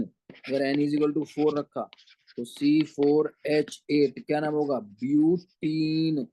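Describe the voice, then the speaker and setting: A man with a Punjabi-flavoured Hindi accent gives an online chemistry lecture in a slightly high voice. The recording is dry and close, without room echo. He calls his students beta and keeps asking whether they have understood. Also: darkish tone. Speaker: chemistry teacher.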